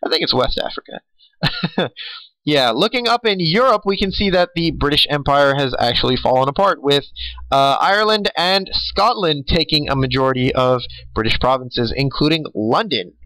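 A man's voice: fairly high pitch, lively intonation, moderate pace, sharp tone, dry recording, rough recording. A tired young man hosting a casual recap of an online strategy game, rambling with fillers and small laughs. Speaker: game host.

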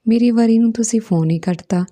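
A woman's voice: on the high side, quick pace, dark tone, voice pushed up, lightly acted. Woman voicing a coaxing young brother-in-law. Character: young man, teasing, reassuring brother-in-law.

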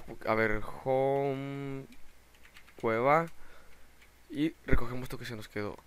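A young man giving excitable let's play gameplay commentary, shouting in panic when danger pops up. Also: medium pitch, clear, resonant tone, no echo. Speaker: gaming channel host.

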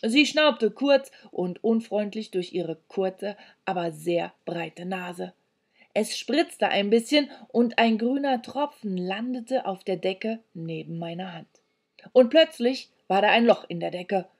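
A woman reads a children's story aloud with a husky, breathy tone, leaning into drama and dropping to whispers. The pitch sits in an ordinary middle range for a woman. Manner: dramatic, switching between whispers and shouts. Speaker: children's book author reading aloud. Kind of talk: expressive storybook reading. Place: living room.

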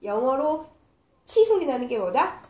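A woman teaching English phonics to young children. She explains patiently and sounds letters out slowly. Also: high voice, very animated, darkish tone. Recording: echoey room with faint noise.

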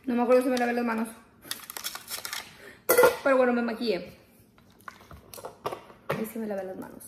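Lady rambling through her day vlog, bit high voice, english words here and there, noisy phone audio w car sounds. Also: steady tone, normal speed. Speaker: vlogger. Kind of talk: casual day-in-the-life vlog.

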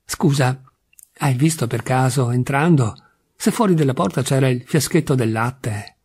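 A man's voice: mid-range voice, moderate pace, darkish tone, slightly rough. A man reading a story aloud, voicing an anxious, agitated wife who stammers and insists. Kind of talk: literary audiobook reading.

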